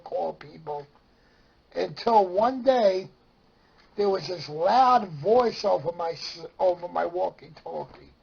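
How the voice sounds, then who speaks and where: A middle-aged man from Brooklyn, New York, with a Brooklyn accent and a high, raspy, gravelly, creaky voice, tells stories as an interview guest. He's unhurried yet excitable, animatedly acting out remembered dialogue in casual storytelling, and the recording has a dull lo-fi sound.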